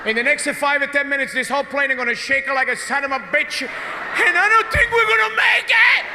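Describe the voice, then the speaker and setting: A man's voice: a little high, expressive, takes it slowly, noisy background. A man voicing a dramatic immigrant uncle making a scary pilot announcement in broken English, recorded live. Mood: panicky. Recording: live hall reverb, faint crowd.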